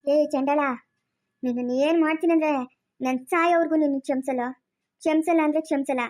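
Casting: a high-voiced performer as an enraged village elder brother, cursing and threatening in a sharp, high register. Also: fairly even intonation, a little fast, close to an everyday voice. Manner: shouting curses and threats. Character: furious stern elder village brother, man. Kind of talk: family village drama.

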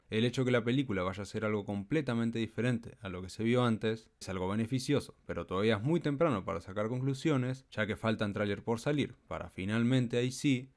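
Fast-talking male anime news narrator. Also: fairly low pitch. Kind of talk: scripted news commentary.

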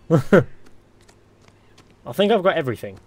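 A man's voice: a little high, very animated, takes it slowly, darkish tone, no echo. A young British man on a headset giving casual, jokey live commentary on a game and chatting with viewers. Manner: chatty, jokey, reacts to chat. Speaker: gaming streamer.

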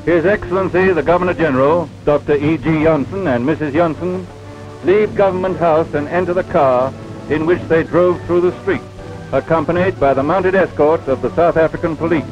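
A man giving formal, measured commentary for an old 1950s newsreel. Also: a little high. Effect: old 1950s newsreel recording. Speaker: newsreel narrator. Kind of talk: scripted newsreel narration. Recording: dull lo-fi newsreel sound with music. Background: music.

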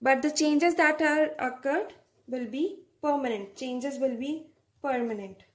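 A young woman gives a medical lecture in a high voice. She speaks slowly and explains things step by step, often stopping to check with a "right?".

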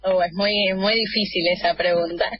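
A woman's voice: medium pitch, fairly even intonation, normal speed. A woman with an Argentine accent, a guest in a casual radio interview, talking chattily with many hesitations and easy laughter. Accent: Argentine Spanish. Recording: dull lo-fi line with faint hiss.

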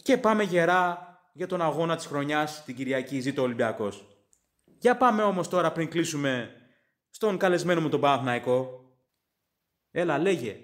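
A man, a native English speaker, hosting a podcast and reading fan comments out loud, sarcastic and opinionated. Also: on the high side, lively intonation, long pauses. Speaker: podcast host.

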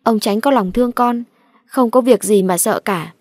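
A woman's voice: fairly high pitch, moderate pace, darkish tone, dry recording, studio quality, close to an everyday voice. A woman voicing a worried peasant mother who speaks humbly and pleads for her frightened son. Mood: pleading, anxious.

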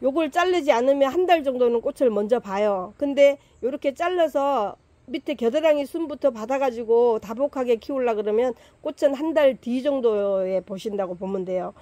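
A woman's voice: high voice, normal speed, dark tone, dry recording. A middle-aged woman who runs a plant farm, casually teaching plant care in a chatty way, repeating her points and talking to the plants.

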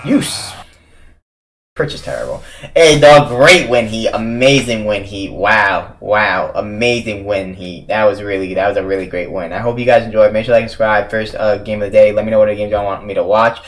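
A young man casually reacting to basketball highlights, talking to the players on screen in slangy chat and yelling at big plays. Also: fairly even intonation, brisk, few pauses, distant mic, low-quality recording. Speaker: sports reaction YouTuber. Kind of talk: live reaction commentary.

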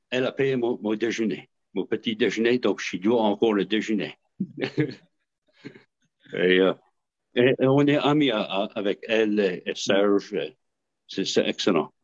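A man's voice: on the low side, unhurried, lo-fi sound. A man from southwest Nova Scotia with an Acadian French accent, telling stories in a casual interview, often hesitating and repeating words. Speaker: interviewee, association representative.

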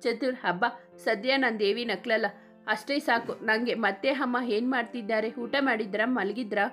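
A woman's voice: on the high side, steady tone, normal speed, fairly bright tone, soft background music, natural voice. A woman reading the lines of a teasing, charming young man in love in a story. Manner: teasing, joking.

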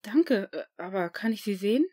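A woman's voice: mid-range voice, animated, normal speed, a little mellow, husky. A woman voicing a caring teenage boy wizard in an audiobook, speaking earnestly.

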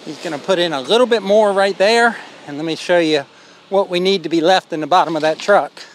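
Outdoors on a rural building site, a middle-aged man who runs a homestead vlog explains a concrete pour in casual walk-and-talk style, holding his phone at arm's length. He speaks briskly in a voice that sits high, with slight background noise.

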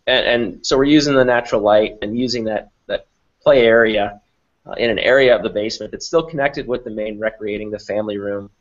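Speaking fairly quickly in a lowish voice, a middle-aged man explains things as the interview guest, a company president calling in from a small office. The sound comes through a computer mic on the video call and is dull and lo-fi.

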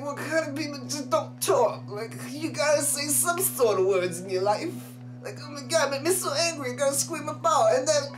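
A woman playing a cranky, ditzy portrait photographer who whines and keeps exclaiming in exasperation, in a comedy sketch. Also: sits high. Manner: whiny, keeps exclaiming "oh my God". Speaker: sketch actor. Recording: roomy, distant mic, music behind.

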